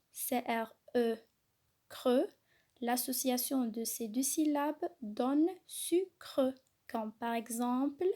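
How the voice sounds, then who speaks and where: Very slow, patient woman teaching reading. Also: on the high side, dark tone. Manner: spells out letters and syllables slowly and patiently. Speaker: kindergarten teacher. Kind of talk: slow, clearly articulated reading lesson for young children.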